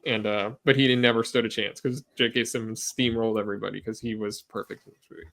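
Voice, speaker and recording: A man co-hosting a movie podcast, talking earnestly in a halting casual way. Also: on the low side, flat delivery, vocal fry, a bit bright. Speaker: podcast co-host. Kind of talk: casual chat.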